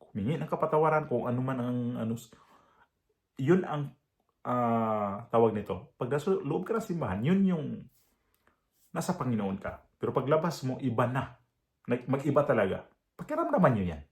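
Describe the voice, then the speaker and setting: Visayan-accented vlogger, blunt and proud. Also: male voice, medium pitch, sing-song, normal speed. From Visayas, Philippines. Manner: proud, blunt, with many fillers and restarts. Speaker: reaction vlogger. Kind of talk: casual commentary.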